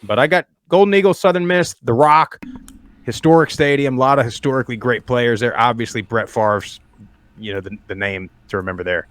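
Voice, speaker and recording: A man's voice: mid-range voice, brisk, a bit bright, no room sound. A man co-hosting a college football podcast with a joking, teasing manner. His voice is mid-range and recorded dry, with no room sound around it. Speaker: podcast co-host. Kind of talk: casual sports debate.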